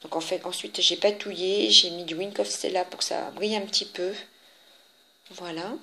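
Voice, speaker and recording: A woman with a French accent casually shows her handmade cards, talking in a chatty, halting way with many fillers and restarts. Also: fairly low pitch, fairly even intonation, gravelly, sharp tone. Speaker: papercraft vlogger.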